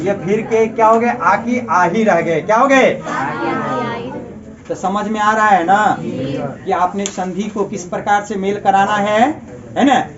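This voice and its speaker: A man's voice: high-pitched, unhurried, long pauses, lo-fi sound, a crowd in the background. A male teacher giving a grammar lesson to a class. He keeps asking questions and repeating the answers as drills.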